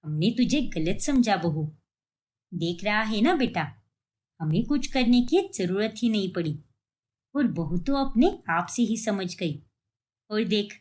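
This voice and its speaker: A woman voicing a homely, fussy older mother-in-law in a cartoon story, in a lowered, aged voice and a scolding manner. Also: animated, unhurried, darkish tone, close to an everyday voice. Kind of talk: cartoon voice acting.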